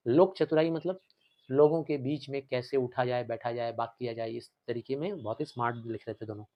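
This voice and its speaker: A man's voice: mid-range voice, brisk, muffled recording. A young man teaching a Hindi play, reading the lines aloud and explaining the words plainly.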